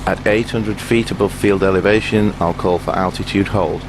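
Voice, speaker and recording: A man speaks as an airline captain from the cockpit, his voice low and level as it comes through a headset. He works through the briefing in a measured, procedural way. A steady hum of engine noise sits clearly underneath. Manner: measured, procedural pilot delivery. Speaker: airline captain in a flight simulator roleplay. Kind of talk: cockpit announcements and takeoff briefing.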